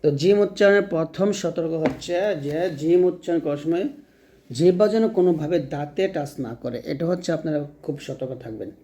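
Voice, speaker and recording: Guy teaching letter sounds, kinda high voice, patient, says each one slow and again. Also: warm tone. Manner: patient, repeats each letter slowly for learners to follow. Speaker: Quran recitation teacher. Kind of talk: step-by-step pronunciation lesson.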